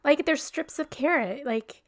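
A woman with a slightly high voice chats loosely as a podcast co-host. She rambles, stalls on words with frequent ums and trails into laughter. Her delivery is relaxed and unscripted. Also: a little slow. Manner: laughs often. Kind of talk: casual sibling chat.

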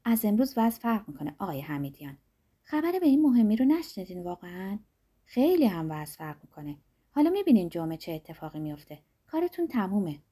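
A woman reading the lines of a proud, angry young female student who speaks loudly and accusingly. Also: mid-range voice, very animated, slightly rough. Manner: loud, sharp and accusing.

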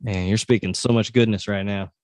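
A man's voice: fairly low pitch, steady tone, a little fast, darkish tone, no echo, studio quality. A man from Oklahoma with an American accent, hosting a podcast in a casual, appreciative and encouraging way. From Oklahoma, USA. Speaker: podcast host.

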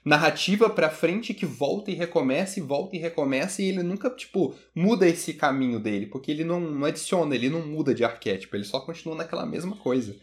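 A man's voice: on the high side, lively intonation, fast, few pauses. Brazilian Portuguese man hosting a podcast. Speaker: podcast host. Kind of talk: casual podcast presenting and chat.

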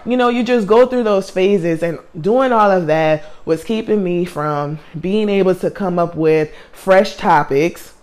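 A woman's voice: mid-range voice, darkish tone. Woman, Southern US country accent, life coach hosting a podcast; casual, emphatic motivational chat. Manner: chatty and emphatic, often says "man" and "like". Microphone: podcast or livestream mic.

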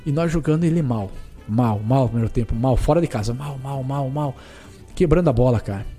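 A man with a Brazilian accent, a footballer guest telling a story in casual chat, animated and repetitive, acting out the dialogue. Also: medium pitch, brisk, soft background music.

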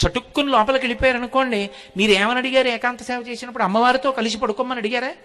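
A man with a high, bright voice gives a devotional discourse. He tells his stories with animation, acts out the voices of the people in them and slows down to chant verses. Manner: animated storyteller, acting out quoted voices, chanting Sanskrit verses. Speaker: spiritual speaker.

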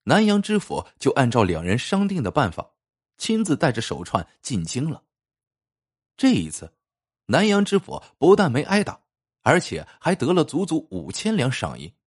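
A man narrating a folk tale with expressive, storytelling delivery. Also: medium pitch, moderate pace, husky.

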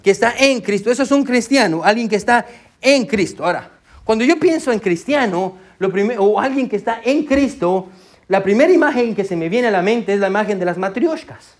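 A man in his thirties preaching a sermon as pastor, conversational and warm, often calling out to the congregation. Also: high voice, expressive, brisk. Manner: warm, conversational preaching with frequent "amén" and "hermano". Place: church sanctuary.

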